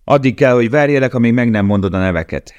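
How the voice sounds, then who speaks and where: A man voicing a grim, giant male prisoner forced into brutal work, speaking with loud, tense insistence. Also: mid-range voice, expressive, smooth, no echo, lo-fi sound, voice pushed up, lightly acted.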